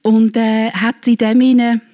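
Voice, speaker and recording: A woman's voice: a little high, little pitch movement, unhurried, dark tone. A middle-aged woman preaching a sermon, speaking earnestly and directly to her congregation.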